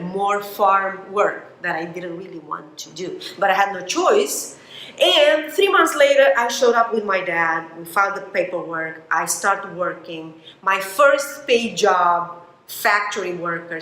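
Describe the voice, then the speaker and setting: A woman from Romania, giving a motivational talk in an emphatic, expressive storytelling manner. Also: mid-range voice, a little slow, reverberant, poor audio. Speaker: motivational speaker.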